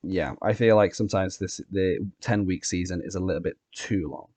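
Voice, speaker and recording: Low-voiced man hosting a casual recap. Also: normal speed, a little mellow, no echo. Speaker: podcast host and competitive player. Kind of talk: casual recap and predictions chat.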